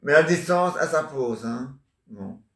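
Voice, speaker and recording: A man retelling and acting out a stage comedy in a halting, playful way, full of restarts. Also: mid-range voice, animated, fairly bright tone. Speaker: theatre amateur. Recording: roomy sound from a distant mic.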